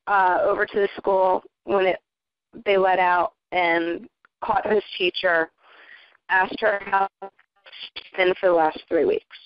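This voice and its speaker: Speaking in a mid-range voice, a middle-aged parent shares a casual personal testimonial over a recorded conference call, conversationally quoting what people said. The audio is lo-fi but free of echo.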